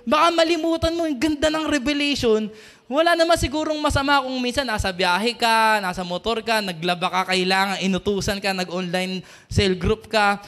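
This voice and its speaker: Male preacher, very high voice, lively sermon, shouts out to the congregation. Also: normal speed. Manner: animated, calls out to the congregation, often shouts. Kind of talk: energetic sermon.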